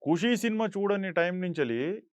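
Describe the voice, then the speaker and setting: Here a young actor, interviewed as a guest, spins animated stories and performs the quoted lines loudly. His voice is high-pitched and lively, his pace normal, and the recording has no echo.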